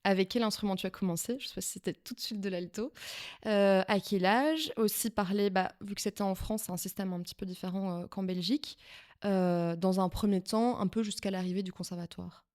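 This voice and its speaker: A woman's voice: mid-range voice, a little fast. Enthusiastic woman podcast host. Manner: enthusiastic, lively intro. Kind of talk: podcast interview.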